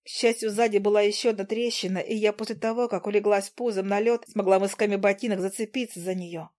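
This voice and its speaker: A woman reads a first-person fantasy audiobook, her voice sitting at an ordinary middle pitch. She tells the story in a lively, expressive way. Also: quick pace. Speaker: audiobook reader.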